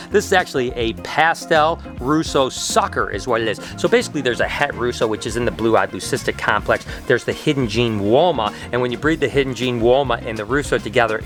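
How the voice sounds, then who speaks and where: Male animal vlogger, medium pitch, casual and excited presenting style, folksy exclamations, light music bed. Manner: enthusiastic, full of folksy exclamations. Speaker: host of a reptile breeding vlog.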